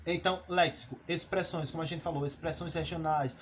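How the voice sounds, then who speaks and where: A male teacher the explains his lesson step by step. He pauses on fillers and restarts as he goes. His voice sits a little high, with faint noise behind it. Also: fairly even intonation. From Brazil. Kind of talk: recorded class lesson.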